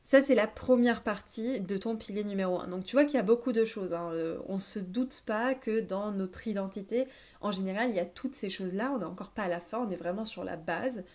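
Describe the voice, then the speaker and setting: A woman's voice: mid-range voice, a little mellow. French woman coaching with casual fillers. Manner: informal, addresses the listener as tu, many filler pauses. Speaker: life coach. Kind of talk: self-help video talk to the viewer.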